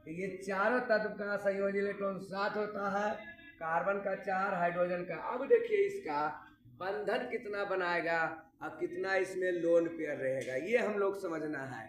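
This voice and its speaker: Male Bihari-accented chemistry teacher, high voice, repeats points, recorded from afar in an echoey room. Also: animated, normal speed, distant mic, a little hiss or hum. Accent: Bihari Hindi. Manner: repeats key points, addresses students as kids. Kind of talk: classroom lecture at a board.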